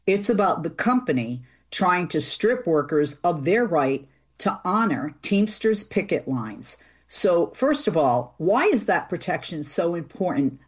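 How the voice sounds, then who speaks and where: A woman's voice: deep voice, darkish tone, slightly rough. A woman with a Boston accent hosting a talk show in a chatty, informal, conversational interviewing style. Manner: chatty, informal, directly addresses listeners. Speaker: radio talk show host.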